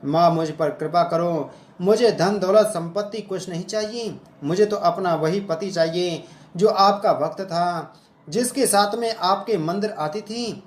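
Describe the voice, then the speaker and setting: A man's voice: high voice, a little slow, roomy sound. A man voicing a tearful pleading young wife. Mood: pleading prayer. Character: grieving devoted young wife pleading with a goddess.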